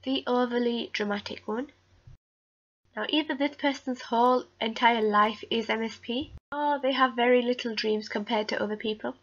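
A woman's voice: fairly high pitch, normal speed, a bit bright. A young woman with a sick-sounding voice narrating a scripted, comedic list as a voice-over. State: sick, with a cold-affected voice. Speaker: YouTube video creator and narrator. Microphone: voice-over recorded off screen. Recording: dull lo-fi home recording.

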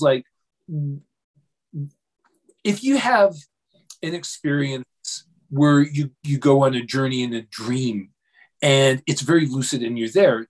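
Hesitant man telling a dream story. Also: a little high. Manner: hesitant, many restarts and fillers, self-deprecating. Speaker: dreamwork coach, guest. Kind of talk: casual storytelling in an interview.

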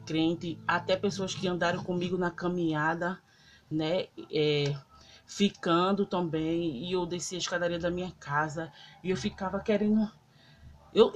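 A Brazilian woman recording on her phone, emotionally recounting a dream in rambling casual speech full of fillers. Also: fairly low pitch. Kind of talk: casual spoken testimony. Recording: loud guitar music behind the voice.

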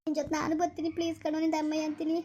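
A woman's voice: high voice, monotone, racing, warm tone, lo-fi sound, natural voice. A woman playing a desperate young woman who pleads tearfully and keeps repeating herself in a village comedy skit. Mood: pleading, tearful. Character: desperate young woman betrayed by her lover.

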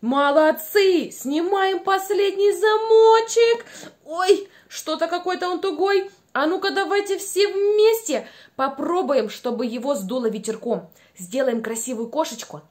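A young woman teaching small children speech exercises in a playful, encouraging, animated way, enunciating every word with exaggerated care. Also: sits high, measured pace. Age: young adult. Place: small room at home by a window.

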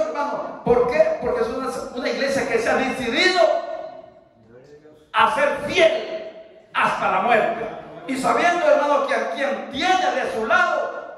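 Middle-aged man, preacher, very high voice, fervent sermon, heavy echo, long hall reverb, recorded from afar. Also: fairly bright tone. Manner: fervent, keeps calling listeners brother. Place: church sanctuary, preaching at a pulpit. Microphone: far camera in the pews. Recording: echoey hall from far off.

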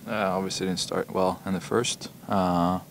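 A young man answers postgame questions at a press table in a very low, gravelly voice. He hesitates constantly, filling gaps with ums and doubled words, and his delivery stays flat, with little rise or fall. A faint hiss sits under the table mics. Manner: halting, many ums and repeated words. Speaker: hockey player. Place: press room in front of a logo backdrop. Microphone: table microphones in front of him.

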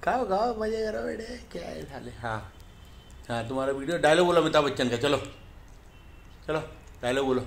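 A man with a high-pitched voice talks to his pet parrot at home, teasing and scolding it in rough slang. The room is echoey and bare-sounding. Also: animated, a little fast, long pauses. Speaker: pet owner. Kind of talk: casual talk to a pet parrot. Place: at home indoors.

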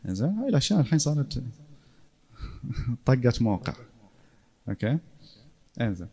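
A man's voice: mid-range voice, very animated, brisk, warm tone, husky. A man giving a casual classroom lecture, conversational and often checking in with his listeners.

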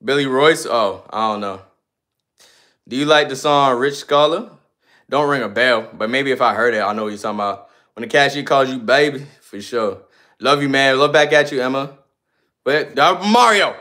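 A man's voice: medium pitch, normal speed, sharp tone. A man in his twenties livestreaming, reading viewer comments aloud and answering them in loose, slangy, sometimes ranting casual chat. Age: 20s.

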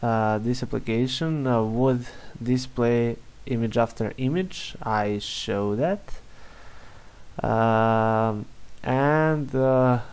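This young man from Serbia, a software developer, talks through his screen recording in hesitant English marked by a Serbian accent, constant fillers and frequent restarts. His mid-range voice has a clear, resonant tone.

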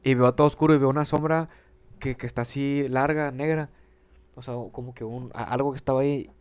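Fast-talking young man from Monterrey. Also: mid-range voice, clear, resonant tone. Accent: northern Mexican, Monterrey. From Mexico. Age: 20s. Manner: slangy, rambling, animated retelling. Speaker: podcast host. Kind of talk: casual storytelling chat.

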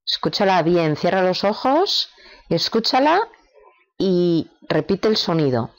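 Lesson voice, woman, low but lively, drags english words out slow. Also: rough recording. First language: Spanish. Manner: slow, exaggerated English modeling between quick instructions. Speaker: English teacher for parents. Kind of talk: bilingual language lesson.

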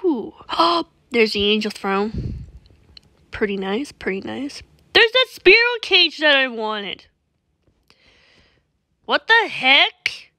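A woman chats her way through a gameplay video in a high, bright, forceful voice. She rambles and cuts herself off mid-thought. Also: big pitch swings, slow, long pauses. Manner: rambling, chatty, self-interrupting. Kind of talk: casual gameplay commentary.

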